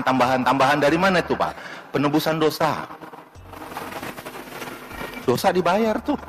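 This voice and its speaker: A man's voice: a little high, a bit bright. A man giving a sarcastic religious lecture.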